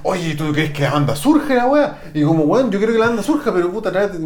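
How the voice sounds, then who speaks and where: A Chilean man hosts a loose chat between friends and talks at a rapid clip in a high voice. He rambles through stories, heavy with slang. The room rings with a noticeable echo. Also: lively intonation, a little mellow. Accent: Chilean Spanish. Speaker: podcast host. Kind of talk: casual chat.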